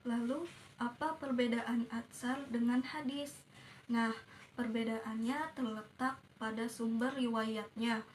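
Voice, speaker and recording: A young woman university student giving a recorded class presentation in a slow, careful, recited manner. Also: a little high, steady tone, reverberant, slight background noise, poor audio. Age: young adult.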